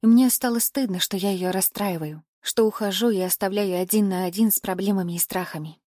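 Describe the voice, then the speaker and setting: A woman's voice: mid-range voice, a little fast, mellow, no room sound, clean studio sound. Woman narrating a dramatic audiobook. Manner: emotive first-person storytelling.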